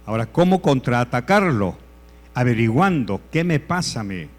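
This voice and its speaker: A male pastor preaching a sermon, repeating his points emphatically and swinging between loud and hushed delivery. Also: medium pitch, sing-song, moderate pace. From El Salvador.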